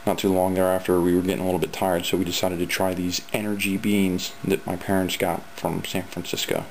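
A man's voice: sits low, flat delivery, a little fast, creaky, a little hiss or hum. A man giving a matter-of-fact voice-over recap of a road trip. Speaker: voice-over narrator. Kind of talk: recorded trip recap narration.

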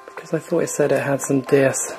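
A quick-talking man with a mid-range voice hosts a gaming channel, faint music behind him. He casually narrates his way through a console's online store, chatty, relaxed and heavy on fillers.

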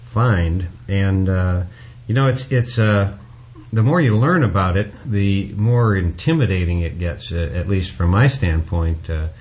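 A man hosting a podcast, responding to his guest in a measured, reflective way with frequent fillers. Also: sits low, a little mellow, muffled recording. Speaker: podcast host. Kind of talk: casual interview chat.

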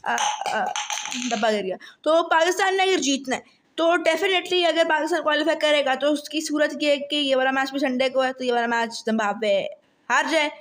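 Male host with a notably high voice, excitable, thinks out loud on camera. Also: moderate pace, slight background noise. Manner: chatty, excitable, thinks aloud with fillers. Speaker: cricket explainer host. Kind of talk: casual explainer talk to camera.

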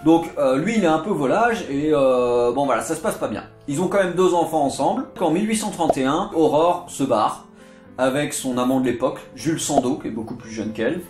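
Here the same kind of talk comes from a man whose voice sits on the high side with a darkish tone, delivered in an animated, fairly quick way. He's a literature video host telling history casually, with plenty of jokes and tangents, recorded in an echoey room over faint guitar.

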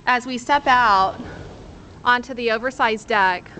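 A woman in her thirties with a bright, slightly high voice walks a camera through an empty condo, cheerfully pointing out features room by room. She sounds like an agent showing a rental, picked up by the handheld camera's own mic, with faint hiss underneath. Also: measured pace. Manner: upbeat, pointing things out room by room. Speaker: real estate agent. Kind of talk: walkthrough narration of a rental tour. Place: outdoors at a front door, then walking through an empty condo.

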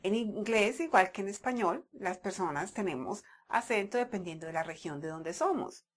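A woman's voice: medium pitch, expressive, normal speed, breathy edge. A woman from Medellín with a paisa Colombian accent, explaining a language topic in a conversational way and sometimes repeating words as she thinks. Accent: Colombian Spanish, Medellín (paisa). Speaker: language teacher. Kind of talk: talking to camera, explaining. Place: United States.

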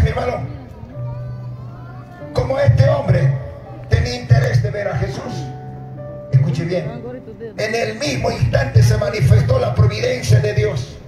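A middle-aged pastor's voice sits high as he preaches outdoors at night, speaking at a measured pace with long pauses while music plays behind him. Using a handheld mic through a PA, he calls to the congregation and shouts at the high points, and the distant filming makes it sound echoey and far off.

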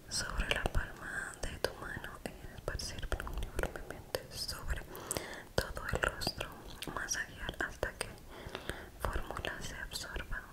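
A young adult woman doing whispered ASMR in a soft, breathy, hushed and intimate voice, close to the microphone. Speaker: ASMR video creator. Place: small bedroom, indoors. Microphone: close desk microphone.

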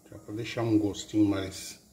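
With a lowish, steady voice at a moderate pace, the host's husband cooks at home and explains each step to an overhead camera. His narration is casual and homely, packed with diminutives. Dishes clatter loudly in the echoey kitchen.

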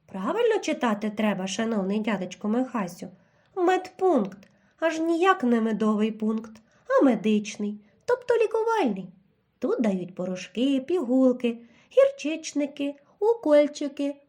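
A woman voicing an old male hedgehog doctor who speaks politely and calmly, with a quietly mocking edge. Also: high voice, a little slow. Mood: calmly sly. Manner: polite, calm, gently mocking.

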